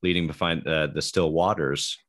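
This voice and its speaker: A man's voice: extremely low pitch, fairly even intonation, normal speed, fairly bright tone. A man co-hosting a podcast, talking about scripture in an enthusiastic, hesitant way, laughing easily. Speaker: podcast co-host. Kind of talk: casual Bible chat.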